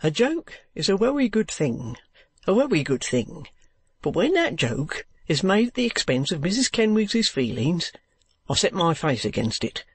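A man's voice: fairly high pitch, very animated, normal speed, breathy edge, no echo, voice pushed up. A man voicing a pompous, solemn Victorian husband who swaps his v's for w's. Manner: pompous, stiffly solemn, says w for v.

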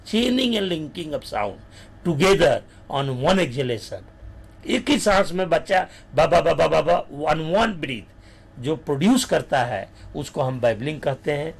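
A man giving a lecture, moving between Hindi and slow, dictated definitions. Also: on the high side. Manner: mixes Hindi with English terms, slows to dictate definitions.

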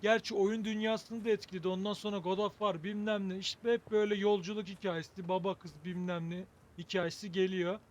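A man's voice: sits high, level tone, brisk, hardly any pauses. A man hosting a gaming video with casual playthrough commentary, wry and joking as he thinks aloud.

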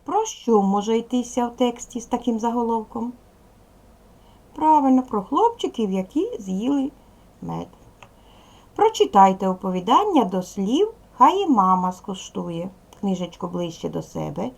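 Lively gravelly-voiced woman teacher. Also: fairly high pitch, normal speed. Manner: clear, patient, addressing pupils directly. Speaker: primary school teacher. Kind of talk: recorded video lesson for children.

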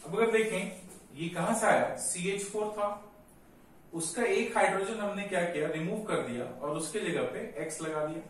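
Man, chemistry teacher, somewhat high voice, very echoey room, distant mic. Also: moderate pace. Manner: explains step by step, asking and answering his own questions. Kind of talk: classroom lecture. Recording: echoey room, mic far off, faint noise.

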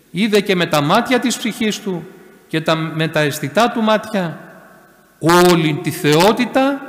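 A man giving a sermon as a monastery elder, emphatic, repeating phrases and rising louder on key words. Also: fairly high pitch. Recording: echoey church reverb.

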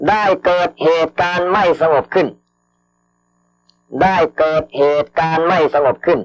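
A man reading out formal official orders over a radio broadcast, slowly repeating each phrase for dictation. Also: a little high. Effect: heard over a radio broadcast. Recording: dull lo-fi archival radio broadcast.

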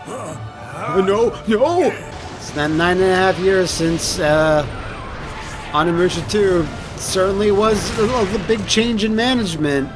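A man giving casual, excitable and jokey gameplay commentary, swearing freely. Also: high voice, unhurried. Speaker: host of a video game playthrough. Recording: voice over game music. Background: game soundtrack music.

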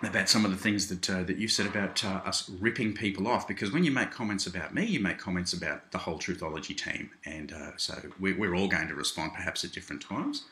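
Australian man with a forceful voice in a roomy office. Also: sits low, quick pace, hardly any pauses, a little hiss or hum. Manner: conversational, keeps addressing the listener as "mate", with frequent restarts. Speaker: seminar presenter. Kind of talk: direct-to-camera video response. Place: small home office.

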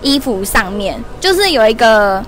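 A woman in her twenties hosting a lively livestream shopping promo in a mall store, chatty and laughing often. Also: a little high, normal speed, faint music behind. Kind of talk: lively live-stream product promo. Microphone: wired lapel mic held in hand.

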